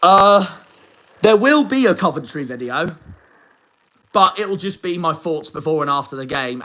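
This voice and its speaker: A man's voice: mid-range voice, pushed and bright, rough recording. A young man from the Plymouth area, ranting angrily and swearing through a post-match fan reaction video. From Plymouth area, England. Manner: angry, swearing, fuming rant. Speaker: football fan vlogger.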